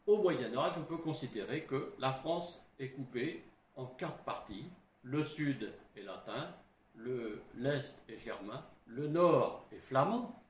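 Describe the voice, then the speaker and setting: A middle-aged man speaks as a historian, slow and unhurried, his pitch rising and falling a lot. He talks in a halting way, restarting phrases and tagging them with little asides. The room sounds roomy, with faint ambience behind him. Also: slight background noise. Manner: halting, frequent "hein" and restarts. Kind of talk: explanatory talk.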